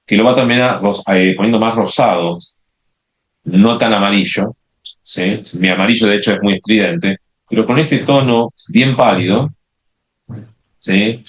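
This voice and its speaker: Guy walking you through a watercolor demo, lowish voice, keeps saying "sí?". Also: a little slow. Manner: explanatory, many checking "¿sí?" tags and restarts. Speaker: watercolor instructor. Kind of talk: live painting demonstration.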